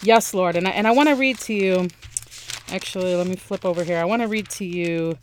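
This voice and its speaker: A woman's voice: fairly low pitch, a little fast, slight background noise. A woman preaching a sermon with passion, repeating phrases and restarting her sentences.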